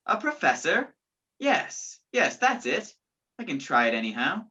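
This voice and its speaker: In a radio play, a performer portrays an earnest, anxious male fugitive posing as a job seeker, polite, hesitant and guarded. The heavily acted delivery is medium-pitched, sing-song and a little slow, bright yet husky with a forceful tone, in a muffled recording.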